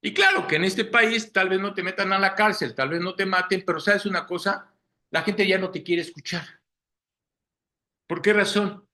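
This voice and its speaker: A man's voice: sits high, normal speed, bright, forceful tone. A man preaching a Sunday sermon, often checking in with the congregation with rhetorical questions. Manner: asks listeners rhetorical questions, frequent "¿sí?".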